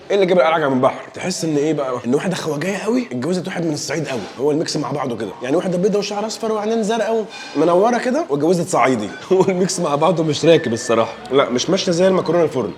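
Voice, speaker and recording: A young Egyptian man talks through a food tasting in a casual vlog. His speech is very fast and his voice sits a little high. He jokes and gushes between bites, with a clear Egyptian Arabic accent. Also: a little mellow, slight background noise. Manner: playful, joking, enthusiastic tasting remarks. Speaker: food reviewer.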